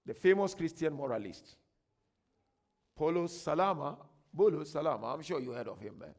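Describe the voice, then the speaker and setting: A man from Ghana with a Ghanaian accent, giving a religious workshop lecture. He declaims emphatically, reads quotations slowly and grandly, and drops into quiet asides. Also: fairly high pitch, lively intonation. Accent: Ghanaian English.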